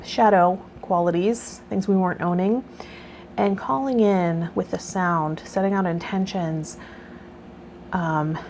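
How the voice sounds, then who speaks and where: A little hiss or hum sits under this woman's mellow, mid-range voice. She is a tarot reader and spiritual coach giving a tarot lesson, partly read aloud, mixing in guided meditation and casual vlog talk to her viewers.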